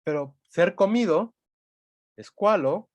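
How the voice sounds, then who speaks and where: A man's voice: high-pitched, animated, slow, a little mellow, no room sound, dull audio. A man teaching a language class, explaining step by step and thinking aloud, often checking in with tag questions. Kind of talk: recorded lecture.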